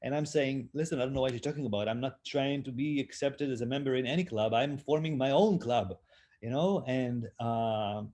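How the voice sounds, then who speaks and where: Speaking at a moderate pace in a medium-pitched, somewhat mellow voice, this panelist is an Israeli man whose native language is Hebrew. On the roundtable video call he sounds hesitant, full of fillers and self-deprecating laughter.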